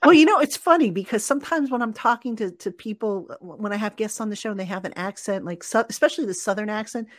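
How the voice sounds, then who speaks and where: A man hosts a live sports talk show, talking fast with few pauses in a high, slightly bright voice that by his own account isn't a radio voice. He's rambling and self-deprecating, stammering into frequent restarts, and the studio-quality recording is dry.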